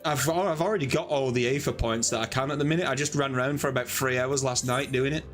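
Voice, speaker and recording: A chatty man streams a game and talks casually. He rambles and pokes fun at himself. His voice sits at a middle pitch, with faint music underneath. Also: quick pace, fairly bright tone. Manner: chatty, rambling, self-deprecating. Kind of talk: casual live-stream chat.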